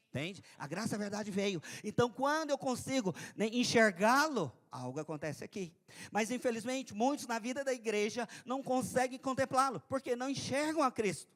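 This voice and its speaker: A man preaching a church sermon. He swings from quiet to loud and often repeats his phrases. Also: very high voice. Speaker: pastor. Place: church service.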